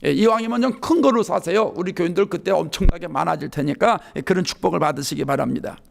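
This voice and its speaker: A man's voice: on the high side, fast, gravelly, a little hiss or hum. A pastor giving a sermon in an earnest, conversational way, acting out sample prayers as he goes. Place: church sanctuary.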